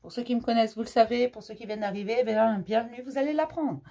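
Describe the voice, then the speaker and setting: Female card-reading host, slightly high register, informal and reassuring direct address. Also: fast talker, gravelly, mellow. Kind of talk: casual spoken card reading to camera.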